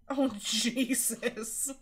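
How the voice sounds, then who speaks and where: A woman's voice: on the high side, steady tone, very slow, a crowd in the background. A woman chatting casually as a player in a tabletop role-playing game.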